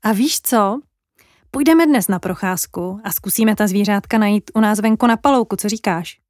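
A woman's voice: mid-range voice, darkish tone, dry recording, clean studio sound, lightly acted. A woman voicing a kind father waking his little daughter in a children's story.

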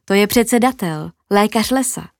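A woman voicing a clever, eager little girl in a children's story, speaking in a bright, eager way. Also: mid-range voice, gravelly, no room sound, studio quality, close to an everyday voice.

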